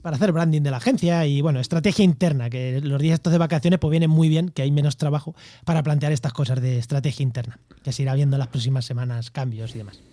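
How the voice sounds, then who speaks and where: A man from La Mancha with a Spanish accent from Spain speaks fast in a fairly high, warm, steady voice, recorded with no echo. He co-hosts and interviews on a podcast, keeping the chat informal, chatty and full of jokes.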